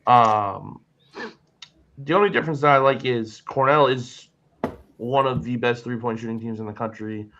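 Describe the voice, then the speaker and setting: A man's voice: medium pitch, normal speed, a bit bright, lo-fi sound, a little hiss or hum. A sleepy man in casual betting chat, reeling off team stats before he makes his pick. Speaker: co-host.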